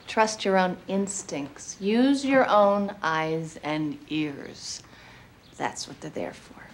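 An actress in her thirties playing a quick-witted divorced teacher and mother, with a dry, teasing way of talking in a TV film. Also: low voice, slight background noise. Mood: playful. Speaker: lead character, teacher and single mother. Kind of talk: TV film acting.

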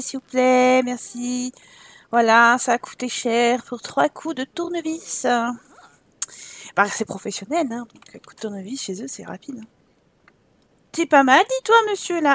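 A woman's voice: high-pitched, expressive, moderate pace, no echo. A young woman giving casual commentary while playing a life-simulation game, talking to her characters and swearing at the game in exasperation. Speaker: Sims let's play streamer.

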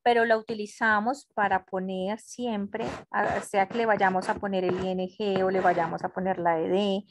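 A woman teaching an English grammar class online, explaining rules slowly and patiently and checking that students follow. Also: medium pitch, flat delivery, noisy background. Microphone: computer mic on a video call.

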